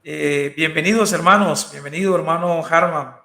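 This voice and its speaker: A man hosting a church discussion program, his voice slightly high and bright with a gravelly edge. He is recorded in an echoey room. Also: normal speed. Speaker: host.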